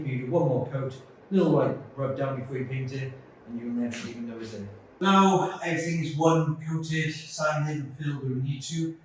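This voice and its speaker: A medium-pitched man explains DIY work in an echoey room, narrating a casual vlog as a builder and carpenter. He's practical, describing the steps while he works in a bungalow room under renovation indoors. He holds a phone while working, and the bare room carries faint noise.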